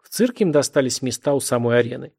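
A man narrating a novel as an audiobook in an expressive, vivid reading. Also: mid-range voice, quick pace, creaky, breathy edge.

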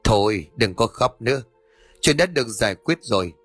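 A man's voice: medium pitch, expressive, moderate pace, fairly bright tone, husky, no room sound, soft background music, voice pushed down. A male narrator voicing a stern middle-aged exorcist who scolds his son. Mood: calm.

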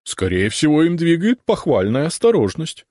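A wary, lecturing dragon head, as a male storyteller puts it on, grudging and preachy in tone. The reading is animated in pitch and recorded close and dry. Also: moderate pace, no room sound. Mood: cautious. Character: cautious, reluctant dragon head, ancient guardian.

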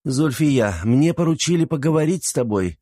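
A man's voice: mid-range voice, moderate pace, mellow, no room sound, clean studio sound, pitched above the performer's own voice, natural voice. A man voicing a strict older woman in an audiobook, scolding in a reproachful tone. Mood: stern.

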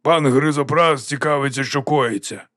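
A man's voice: medium pitch, moderate pace, a bit bright, dry recording, studio quality, lightly acted. A man voicing a hulking male troll bouncer who talks bluntly and menacingly.

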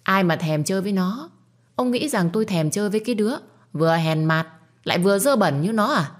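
A woman voicing a spiteful, bratty young woman in a storybook reading, with a shrill, taunting, whiny delivery. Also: animated, a little fast, lightly acted.

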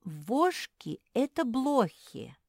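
A woman voicing an excitable, forgetful young schoolgirl with a very high voice. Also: normal speed, no echo, clean studio sound. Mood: curious.

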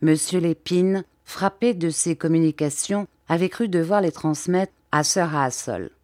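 A woman reading a novel aloud as an audiobook narrator, voicing the dialogue with lively shifts in pitch and loudness. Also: a little slow, no room sound, studio quality. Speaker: audiobook reader. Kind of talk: scripted narration.

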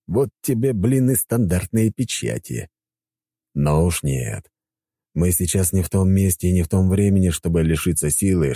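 A man's voice: deep voice, mellow, dry recording, studio quality. A man narrating a fantasy audiobook in the first person, with wry, ironic asides.

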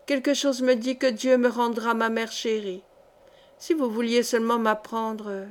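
A woman reading aloud as a poor young girl who speaks softly and humbly. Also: fairly high pitch, flat delivery, unhurried, lightly acted. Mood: hopeful. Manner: soft, humble.

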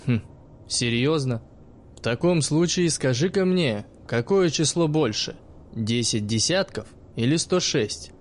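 A man playing a stern, gruff old teacher who speaks in a dry, sarcastic and sometimes menacing way. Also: medium pitch, animated, measured pace, a little hiss or hum, pitched above the performer's own voice, lightly acted.

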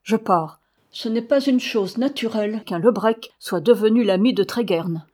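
A woman voicing a grim, brooding one-armed young male sergeant in an audiobook, speaking slowly and measuredly. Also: mid-range voice, a little mellow, lightly acted. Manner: slow, measured.

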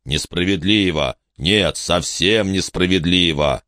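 A huge, good-natured giant drawls slowly and plainly, as a man reads him. His voice is extremely deep, and the recording is dry and close. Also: sharp tone, no room sound, full character voice. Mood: aggrieved. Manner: slow, plain and aggrieved.

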